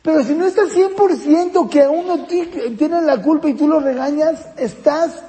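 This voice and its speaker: A man's voice: very high voice, moderate pace, dark tone. A man teaching a parenting course, acting out little scenes between parents and children as he explains. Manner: acts out parent-child exchanges while explaining. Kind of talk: lecture to parents. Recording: reverberant room with long echo.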